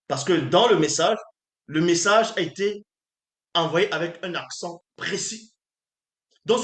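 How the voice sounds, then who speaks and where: A man preaching with insistence, his voice sitting a little high and pushing his point again and again through pointed questions to the audience. The sound carries a roomy echo around it. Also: fairly bright tone. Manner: emphatic, with repeated rhetorical questions to listeners. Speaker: spiritual teacher. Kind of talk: preaching lecture.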